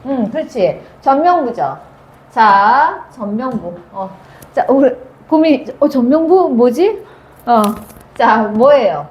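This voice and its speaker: A woman teaching English grammar to high school students, asking questions and answering them herself, and reading English phrases out slowly. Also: animated, highs cut off. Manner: asks and answers her own questions. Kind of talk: grammar lecture. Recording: echoey room with faint noise.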